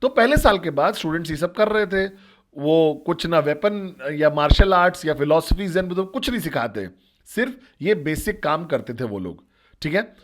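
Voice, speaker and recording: A man's voice: a little high, expressive, normal speed, a little hiss or hum. A man telling a story in a motivational talk as a network marketing trainer, speaking directly and asking the listeners questions.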